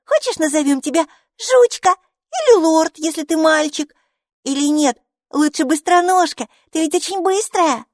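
In a clean studio recording with no room sound, a woman raises her voice to an extremely high pitch to play a cheerful, chatty six-year-old girl in an audiobook. She speaks at a moderate pace, sounding eager and excited as she fires off one question after another.

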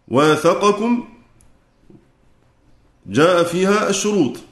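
A man with an Egyptian Arabic accent teaching Quran recitation rules in a lecture. He explains step by step, chants the verse lines slowly, and checks in with his students. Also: on the high side, echoey room. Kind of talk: lecture explaining a classical poem.

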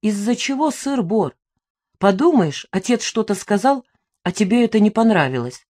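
A woman's voice: mid-range voice, very animated, normal speed, a little mellow, voice pushed up. Woman voicing a brusque young male friend, matter-of-fact and scolding; audiobook. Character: young man, blunt, mildly scolding friend. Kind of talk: audiobook dialogue reading.

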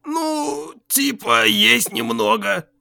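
A man voicing a pleading, wheedling male street tramp, whining and begging in a higher, softer voice. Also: very slow, vocal fry, no echo, full character voice.

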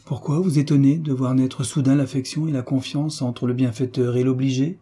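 A timid young orphan heiress speaks hesitantly and earnestly, voiced by a man reading the story. Her voice is lifted above the reader's own, with a husky, dark grain beneath. A shy storybook girl. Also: medium pitch, steady tone, normal speed, voice pushed up, close to an everyday voice.

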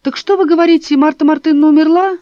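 A woman's voice: high voice, fairly even intonation, fast, no room sound, voice pushed up, close to an everyday voice. A woman voicing an impatient young woman who keeps pressing with questions, on a dull, dry recording. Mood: insistent. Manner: probing, insistent.

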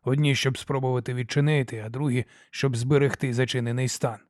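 A man's voice: medium pitch, dry recording. Man narrating an audiobook, dry. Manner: steady, measured first-person telling. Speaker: audiobook reader.

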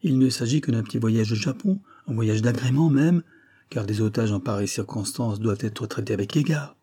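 A man's voice: medium pitch, brisk, warm tone, breathy edge, lightly acted. A man voicing a timid young woman. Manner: hesitant, mild.

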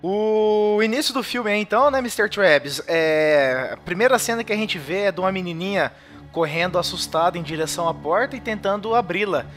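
A man's voice: high-pitched, expressive, moderate pace, a bit bright, faint music behind. A man with a Brazilian Portuguese accent, hosting a podcast and casually recapping a horror film, rambling with lots of fillers and chuckles. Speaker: podcast host.

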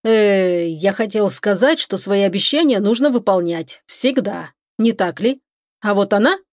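A woman narrator reads a gruff, grumbling male starship captain in an audiobook. She keeps close to her own voice, with an awkward, muttering delivery. The sound is dry. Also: mid-range voice, expressive, unhurried, no echo, close to an everyday voice.

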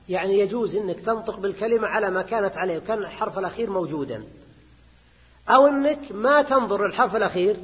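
High-voiced sheikh in an echoing hall. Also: male voice, a bit bright. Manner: repeats phrases and quizzes students with quick questions. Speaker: sheikh teaching grammar. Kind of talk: classroom lecture, reading a text then explaining it. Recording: reverberant lecture hall.

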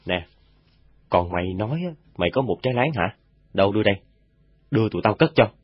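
A man voicing a calm, firm older guerrilla leader who speaks low and hushed. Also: fairly quick, husky. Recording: dull, dry recording.

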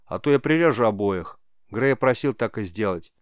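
A man reading an audiobook, voicing a gruff, mocking male warrior. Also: fairly low pitch, animated, moderate pace, no echo, studio quality, lightly acted. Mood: stern.

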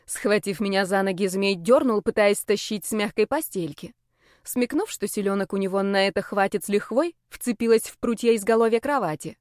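Wry, lively woman reading an audiobook. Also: mid-range voice, moderate pace, no room sound, studio quality. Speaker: audiobook reader. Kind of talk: first-person audiobook narration.

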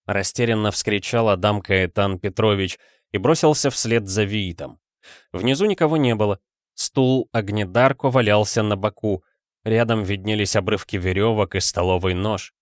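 Male narrator, audiobook, low voice, dry close recording. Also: moderate pace, dry recording. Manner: steady storytelling.

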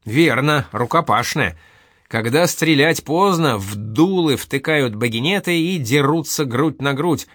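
A man's voice: medium pitch, expressive, unhurried, a bit bright, no room sound, clean studio sound, pitched above the performer's own voice. A man voicing an eager young soldier who speaks heatedly and proudly. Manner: heated, boastful.

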